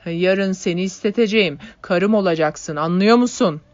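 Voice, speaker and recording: A woman's voice: on the low side, a little fast, no echo, natural voice. A woman voicing a pushy young man who insists and dominates, in a dull lo-fi audiobook recording. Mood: insistent.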